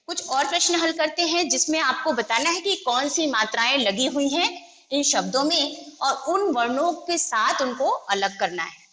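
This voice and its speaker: Sitting high in pitch, her voice is animated, pushed and bright, moving at a moderate pace. She's a teacher patiently going through a lesson letter by letter and vowel sign by vowel sign, in a reverberant room with faint noise.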